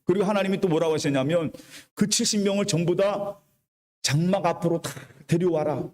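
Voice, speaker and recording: A male pastor preaching a sermon, retelling the story in a lively, colloquial way and leading the congregation to repeat phrases after him. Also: sits high, a little fast, in a large hall. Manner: preaching with call-and-response to the congregation. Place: church sanctuary.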